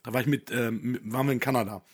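A man co-hosting a podcast, telling stories in casual chat and doing quick put-on voices, a bit under the weather. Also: medium pitch, breathy edge. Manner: animated storytelling with put-on voices. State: coughing, unwell. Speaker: podcast co-host.

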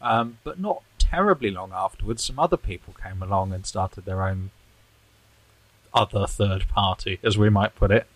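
A man chats on a political podcast in a low, rambling voice. He is self-deprecating and chuckles often. The sound is dry and close, with no room around him. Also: moderate pace, a bit bright, dry recording, poor audio. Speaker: podcast co-host. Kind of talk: casual political chat.

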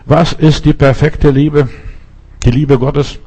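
An older man preaching a sermon, telling everyday stories and acting out the people in them, sometimes crying out loudly. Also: fairly high pitch, steady tone, slow pace, slightly rough. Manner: storytelling with quoted voices, dramatic cries of help.

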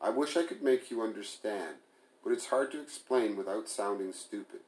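A man's voice: on the low side, normal speed, darkish tone, lightly acted. A man voicing a hurt, sarcastic young woman who confronts her partner, speaking in a pleading, bitter way. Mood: hurt, pressing. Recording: roomy echo.

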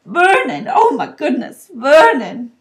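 A woman's voice: high voice, wildly swooping pitch, slow pace, voice pushed up, full character voice. Woman acting quivering, anxious Aunt Petunia. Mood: shocked. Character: anxious, easily shocked middle-aged aunt.

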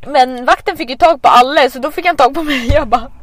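A young woman co-hosting a casual chat, giggly and quick to chime in. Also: high voice. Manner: giggly, chiming in with short agreements.

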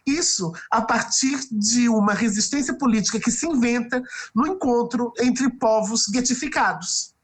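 Husky-voiced woman. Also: a little high, normal speed. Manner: thoughtful, frequent tag questions. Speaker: guest writer and researcher. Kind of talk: reflective podcast interview answer.

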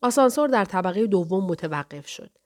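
Female audiobook narrator, steady and measured delivery. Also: medium pitch.

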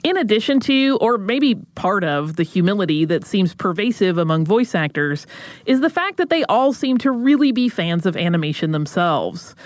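A woman's voice: mid-range voice, big pitch swings, normal speed, a little hiss or hum. A woman podcast host narrating a scripted episode and introducing interview clips.

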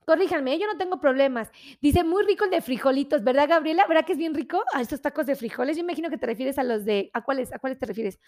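A woman's voice: sits high, quick pace, few pauses, a little mellow. A woman from Mexico hosting a casual live stream, chatty and exclamatory, greeting viewers by name. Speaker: livestream host greeting viewers.

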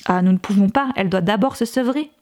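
A woman's voice: mid-range voice, quick pace, mellow, natural voice. A woman reading aloud voices a zealous young girl in a cult who talks in a sweetly earnest, devoted way.

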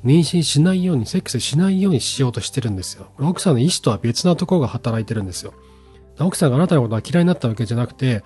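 A man in his thirties hosting an advice show, reading a listener's letter and answering in a relaxed, conversational way with many fillers. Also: mid-range voice, rapid-fire, breathy edge, faint music behind. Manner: conversational, frequent fillers, acts out quotes. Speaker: podcast host answering listener questions. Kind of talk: advice talk.

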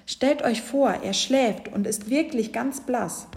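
A woman voicing a group of excitable, gossiping elephants in a children's storybook reading. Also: on the high side, slow, vocal fry, in a large hall, noisy background, voice pushed up. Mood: eager.

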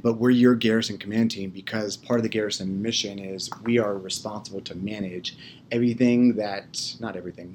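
Low-voiced man, earnest and explanatory. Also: slight background noise. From Maryland. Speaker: garrison commander. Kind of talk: roundtable discussion.

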